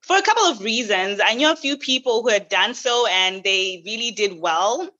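A young woman, a guest on an interview, answering in an upbeat, measured way with frequent ums. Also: a little high, expressive, pushed and bright, highs cut off. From Zimbabwe. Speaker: guest, new resident doctor. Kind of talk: casual interview.

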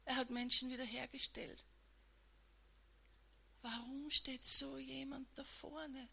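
A woman telling a dramatic retelling in the second person, moving between loud emphatic lines and hushed ones. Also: sits high, flat delivery, slow, vocal fry, husky.

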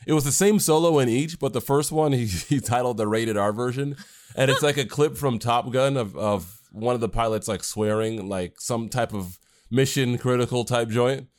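A man's voice: mid-range voice, moderate pace. A man co-hosting a casual podcast chat, rambling with fillers and restarts. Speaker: podcast co-host and anime creator.

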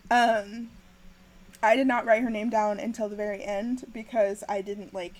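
A woman's voice: medium pitch, steady tone, a little slow, rough recording. Chatty young woman recapping, lots of ums. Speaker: podcast host recapping a TV episode. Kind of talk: casual chat.

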